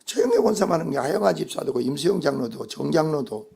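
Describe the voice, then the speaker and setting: Gravelly, husky male pastor preaching. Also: fairly high pitch, lively intonation, brisk, dark tone. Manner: emphatic, asks the congregation rhetorical questions. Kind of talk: sermon.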